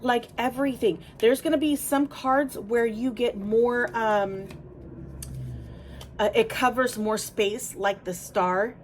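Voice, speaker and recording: Speaking slowly in a slightly high voice, this woman gives a casual, chatty review and flip-through of a tarot deck. She talks right to her viewers and corrects herself as she goes, with slight background noise audible.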